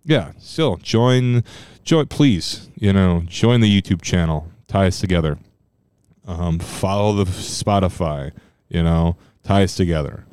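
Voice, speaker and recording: Deep-voiced man rambling solo. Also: measured pace, clear, resonant tone, no echo. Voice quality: strong loud voice, at times monotone. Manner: rambling, loose and profane, many fillers. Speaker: podcast host. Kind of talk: casual solo podcast chat. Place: room at home.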